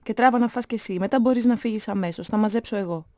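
A woman's voice: mid-range voice, dark tone, no echo, studio quality, natural voice. A woman reading a story, voicing an anxious, stubborn mother who pleads and answers curtly. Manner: pleading, then curt and clipped.

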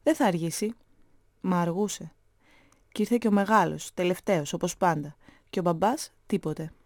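A woman narrating a story in a steady, measured reading voice. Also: on the low side, no room sound, clean studio sound.

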